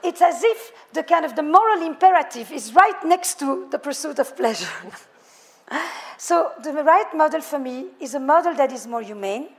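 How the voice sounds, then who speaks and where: This middle-aged couples therapist, who has a French accent, gives a thoughtful public talk to a live audience, piling up lists of words as she goes. Her voice sits high, with lively intonation and normal speed.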